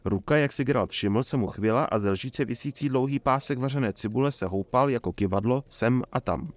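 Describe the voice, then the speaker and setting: A man reading an audiobook in a steady storytelling way. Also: medium pitch, no echo. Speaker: audiobook narrator. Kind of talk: scripted narration.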